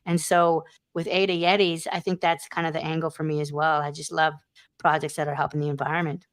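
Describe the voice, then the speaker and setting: A woman hosting a casual online show, talking effusively and giving shout-outs. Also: sits low, flat delivery, fairly quick, no room sound. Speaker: show host. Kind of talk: casual podcast chat.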